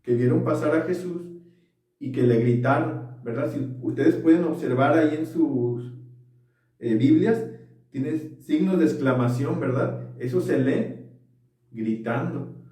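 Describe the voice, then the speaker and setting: A man's voice: on the high side, measured pace, warm tone. A man preaching a sermon as pastor, earnestly checking his listeners follow along. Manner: earnest, often asks for agreement. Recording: echoey room, mic far off.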